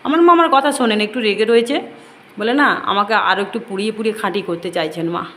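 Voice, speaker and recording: A woman's voice: medium pitch, quick pace, fairly bright tone. Woman, home shrine vlogger, earnest and pleading, faint noise in the recording. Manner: earnest, pleading, addresses viewers as friends. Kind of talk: devotional home vlog talk.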